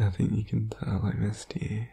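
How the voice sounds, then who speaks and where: Guy doing asmr boyfriend ASMR role-play, needy n sleepy, super breathy husky, soft dark tone, cuddly and tender. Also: on the low side, little pitch movement, exaggerated voice. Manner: slow, tender, clingy, soothing. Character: needy, sleepy, affectionate boyfriend cuddling his partner in bed.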